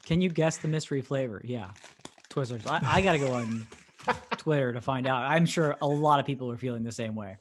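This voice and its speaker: A man's voice: medium pitch, fairly quick. A man from the Pittsburgh area co-hosting a casual podcast over a remote call, exasperated and joking, laughing often. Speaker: podcast co-host.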